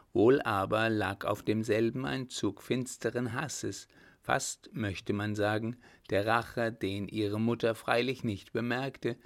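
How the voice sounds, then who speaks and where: A man narrating an audiobook of a classic novel in a measured, deliberate reading. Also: fairly low pitch.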